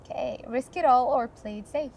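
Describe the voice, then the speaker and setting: A woman hosting an interview, asking brisk rapid-fire questions in an upbeat way and laughing readily. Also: sits high, vocal fry, a little mellow, slight background noise, rough recording. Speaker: interview host.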